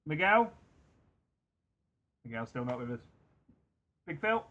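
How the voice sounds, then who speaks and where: A man's voice: on the high side, very animated, slow pace, pushed and bright, muffled recording. A man hosting a casual podcast with friends, joking and laughing often between lines. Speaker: podcast host. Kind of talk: casual chat among friends.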